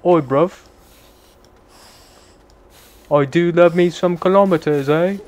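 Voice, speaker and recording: A man voicing a rowdy, mocking bloke, loud and jeering. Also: on the high side, takes it slowly, pitched above the performer's own voice. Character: mocking cockney-style British bloke, rowdy.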